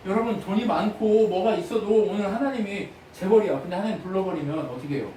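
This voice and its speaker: A high-pitched male pastor delivers a sermon in a church sanctuary, firing questions at the congregation and acting out short pleading prayers in a raised voice. He speaks fast with a warm tone, heard from a distance off the mic. The very echoey hall adds heavy reverb, with a faint murmur behind him and a little hiss or hum.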